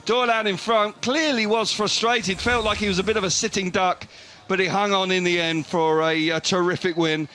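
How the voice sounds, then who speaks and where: A man giving expert live motorsport commentary with an animated, emphatic delivery. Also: high-pitched, normal speed, faint music behind. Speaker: expert co-commentator, former rider.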